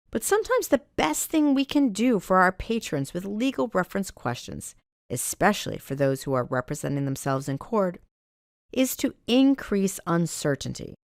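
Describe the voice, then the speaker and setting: A low-voiced woman reads a librarian training script in a measured, instructional manner. Her voice has a gravelly edge and moves up and down a lot. The recording is dry and close, with no room sound. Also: darkish tone, dry recording.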